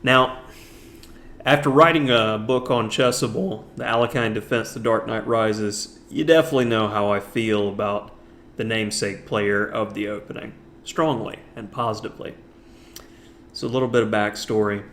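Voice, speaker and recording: A man's voice: fairly low pitch, moderate pace, a bit bright, slight background noise. Man walking through a chess game. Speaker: chess instructor. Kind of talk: narrated chess game analysis.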